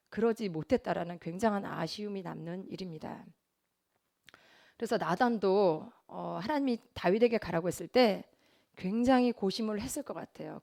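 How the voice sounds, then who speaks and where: A woman's voice: medium pitch, gravelly, a little mellow. A woman sharing an earnest, confessional testimony as part of a church sermon. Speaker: lay preacher giving a testimony.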